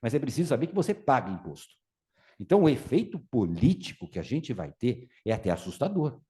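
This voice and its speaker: A man with a Brazilian Portuguese accent giving a lively public talk on taxes, acting out little scenes in different voices. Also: medium pitch, a little fast. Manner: animated, acts out voices in anecdotes. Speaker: speaker on tax reform.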